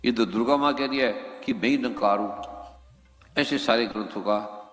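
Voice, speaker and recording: A man tells spiritual stories from his own life in a wandering, reflective way and keeps posing searching rhetorical questions. His voice sits at an ordinary middle pitch and rings through a long, echoey hall. Faint music plays underneath. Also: normal speed, a bit bright.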